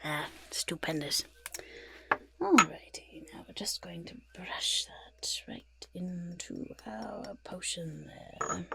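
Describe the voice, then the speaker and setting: In a soft-spoken ASMR roleplay, a woman plays a fussing, delighted goblin potion-maker, muttering and repeating words in a creaky, breathy half-whisper. Her pitch sits fairly low, and she commits fully to the character voice.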